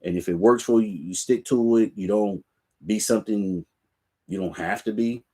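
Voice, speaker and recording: A middle-aged man with a fairly low, dark-toned voice hosts his sneaker channel at a moderate pace. He chats casually and laid-back with viewers live, surrounded by shoe racks.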